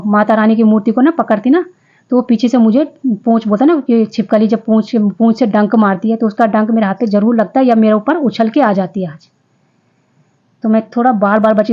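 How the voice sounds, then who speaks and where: A woman's voice: fairly high pitch, steady tone, brisk, muffled recording. A woman in her fifties narrating her home vlog in a chatty, homely way, speaking straight to her viewers. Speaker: vlogger. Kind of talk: casual vlog voice-over narration.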